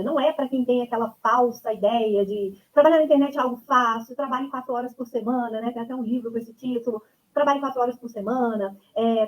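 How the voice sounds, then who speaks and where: A woman's voice: on the high side, poor audio. A woman in her thirties with a Brazilian accent, presenting her online course as a chatty instructor who keeps checking in with her listeners. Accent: Brazilian Portuguese. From Brazil (Goiânia). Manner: chatty, leans on tags like "né?" and "tá?". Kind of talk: webinar presentation.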